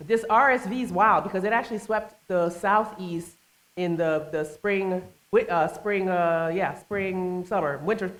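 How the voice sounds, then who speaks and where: A chatty woman host works a live room from a small stage. She jokes and teases the audience in a playful, conversational monologue. Her pitch sits in an ordinary middle range for a woman. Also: a bit bright. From United States, family from Trinidad and Tobago. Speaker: talk show host.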